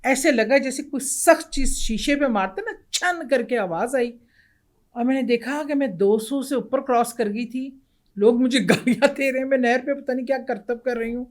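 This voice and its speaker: Woman telling a spooky story vividly. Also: on the high side. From Pakistan. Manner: animated, vivid retelling with acted quotes. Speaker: guest. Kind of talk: storytelling in an interview.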